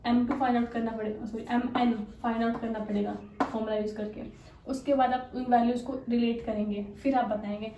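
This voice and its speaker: A woman's voice: a little high, little pitch movement, brisk, mellow, far from the mic, lo-fi sound. A woman teaching a chemistry exam-prep lecture, explaining step by step, asking rhetorical questions and mixing in English technical terms. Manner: mixes English technical terms into her talk. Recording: echoey room, voice a bit off-mic, faint hiss.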